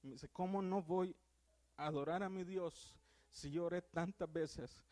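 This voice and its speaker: A young male preacher with a Salvadoran accent delivers a fervent sermon in a fairly high voice. He moves between loud, ringing exclamations and quiet, heartfelt passages, as if speaking from a church pulpit. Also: fairly even intonation, a little slow. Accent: Salvadoran Spanish. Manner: swings from loud exclamations to hushed, earnest tones.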